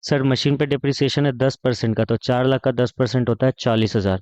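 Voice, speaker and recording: A man's voice: medium pitch, fairly even intonation, brisk, a little mellow, dry recording, natural voice. A man voicing his own cheeky class of pupils, who answer and tease their teacher. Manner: cheeky, pleading with sir.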